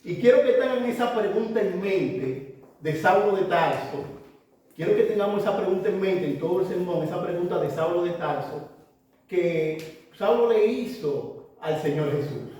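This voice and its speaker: A man's voice: sits high, animated, normal speed, dark tone. A man preaching a sermon, emphatic and urging his listeners, often repeating phrases. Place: church. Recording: very echoey church hall, voice from far off.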